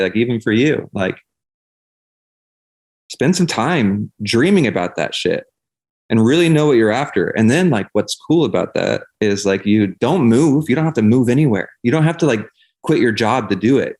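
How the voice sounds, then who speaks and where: A man's voice: on the low side, lively intonation, normal speed, darkish tone. A man talking candidly and casually as a podcast guest, in an earnest, rambling way peppered with swearing.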